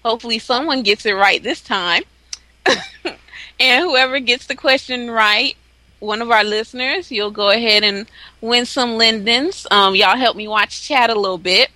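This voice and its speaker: A woman hosting a trivia segment on internet radio, giving clear, unhurried instructions to the panel and the listeners. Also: on the high side, sharp tone, no echo, rough recording. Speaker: quiz host.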